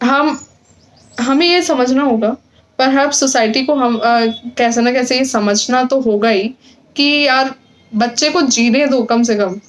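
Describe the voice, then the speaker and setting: A woman's voice: high-pitched, takes it slowly, poor audio. A teenage girl talking casually to other students, earnest and encouraging, with frequent hesitations and restarts. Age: teens. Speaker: student vlogger. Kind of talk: casual advice talk to camera.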